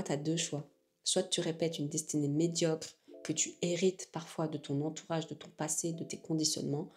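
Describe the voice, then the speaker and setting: Low, mellow woman giving motivational advice. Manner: earnest, speaks straight to the viewer, mixes in English phrases. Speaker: spiritual self-development creator. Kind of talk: motivational talk to camera.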